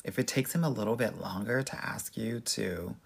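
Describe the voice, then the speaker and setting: A man with a Southern Californian Valley accent hosts a casual live question-and-answer chat, giving dating advice in a sassy, slangy way with a husky, gravelly voice. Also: fairly low pitch, normal speed. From Southern California, United States. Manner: sassy, slangy, addresses viewers as girl.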